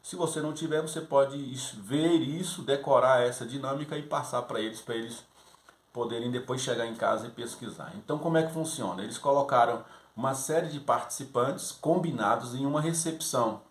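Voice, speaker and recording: A man's voice: medium pitch, brisk. Man giving teaching tips in an echoey room. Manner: conversational, often checks in with "tá?". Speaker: Sunday school lesson presenter.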